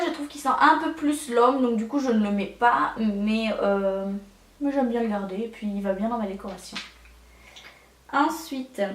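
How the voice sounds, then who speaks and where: A woman's voice: a little high, roomy sound, far from the mic. A young woman chatting in a casual vlog, hesitant and full of fillers as she shows her collection. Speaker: beauty vlogger.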